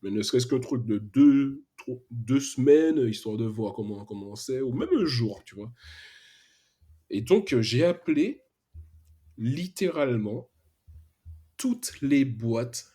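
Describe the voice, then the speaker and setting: This podcast guest, a young Martinican freelance web developer with an Antillean French accent, speaks slowly but in an animated way. His mid-range voice is dark with a breathy edge, and he recounts his story casually in the interview, with lots of slang and hesitation.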